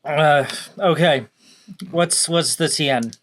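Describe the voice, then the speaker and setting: A man's voice: fairly high pitch, takes it slowly, a bit bright. A man playing in a tabletop game, joking around casually. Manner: joking, playing a drunk character. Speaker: player.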